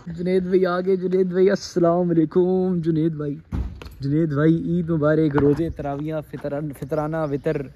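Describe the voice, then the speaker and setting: Young male vlogger, slightly high voice, teasing and playful, faint outdoor hum. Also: little pitch movement, normal speed, lo-fi sound. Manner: playful, teasing, laughs often. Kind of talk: casual vlog chat.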